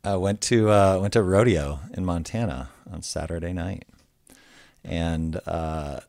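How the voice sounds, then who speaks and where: A man chatting casually as a podcast guest, a self-described low talker who mumbles in a dry, understated way. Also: unhurried, vocal fry, darkish tone, no echo.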